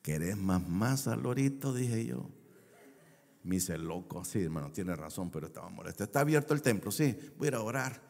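A man's voice: lowish voice, lively intonation, normal speed, vocal fry, darkish tone, long reverb tail. A man preaching a sermon as a pastor, stretching key words for emphasis and telling a personal story. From El Salvador.

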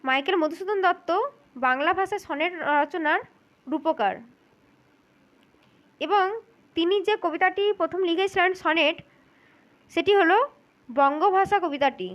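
A woman's voice: very high-pitched, a little slow, pauses often, muffled recording. A woman giving a spoken lesson for teaching-exam interview preparation, methodical and repeating key points as she speaks directly to the listener.

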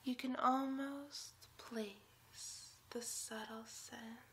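Woman acting gentle female clown ringleader, whispered ASMR role-play, extremely slow, soothing, protective, breathy, faint hiss of background noise. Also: a little high, fairly even intonation. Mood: soothing, hypnotic. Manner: soothing, hypnotic, drawn-out phrases. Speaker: ASMR performer. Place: indoors against a plain wall, close to the camera.

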